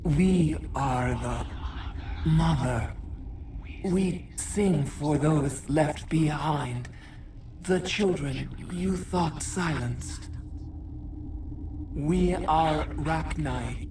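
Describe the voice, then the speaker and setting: A very slow, eerie hive queen. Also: low voice, dark tone. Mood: mournful, eerie. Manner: very slow, halting, cryptic and solemn. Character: ancient insect hive queen speaking through a host, mournful. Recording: distant voice with clear noise.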